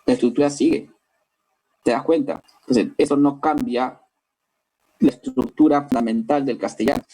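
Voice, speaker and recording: A man's voice: mid-range voice, steady tone, normal speed, warm tone, rough recording. A man with a Lima Peruvian accent, teaching a language class step by step and often asking his listeners whether they follow. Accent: Peruvian Spanish, Lima. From Peru. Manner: explains step by step, keeps checking with listeners. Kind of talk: classroom lecture.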